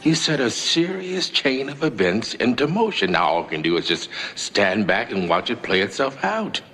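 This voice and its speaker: A man playing a calm, grave angel mentor in a TV drama, measured and gently firm. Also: medium pitch. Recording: faint background noise.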